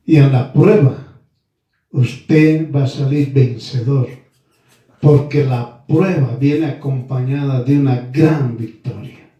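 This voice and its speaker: Slow-preaching man in an echoey room. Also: medium pitch, steady tone, warm tone, recorded from a distance, lo-fi sound. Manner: slow, emphatic preaching with repeated phrases; addresses listeners formally as brother and sister. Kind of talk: sermon.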